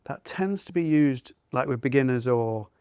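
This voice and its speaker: A man who teaches mindfulness, talking it through in a relaxed conversation and feeling his way toward each idea. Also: mid-range voice, normal speed, clean tone, no echo, studio quality. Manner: thoughtful, searching for words. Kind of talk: conversational discussion.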